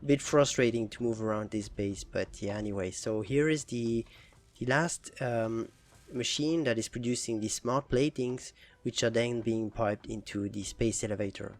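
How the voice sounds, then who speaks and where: A young man casually commenting over his own gameplay footage as a gaming channel host, relaxed and hesitant, with many fillers and restarts. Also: mid-range voice, moderate pace.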